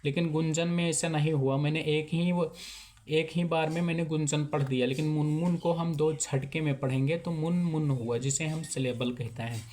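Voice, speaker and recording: A man's voice: a little high, fairly even intonation, normal speed, a little mellow. A man teaching how to write names, explaining patiently and repeating each step. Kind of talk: explaining spelling at a whiteboard.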